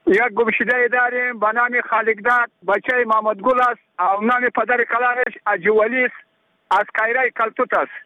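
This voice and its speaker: A man's voice: extremely high pitch, steady tone, no room sound. A man from northern Afghanistan making a plain spoken appeal over a radio phone line. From Takhar, Afghanistan. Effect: heard over a radio phone-in line. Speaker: caller to a radio missing-persons program.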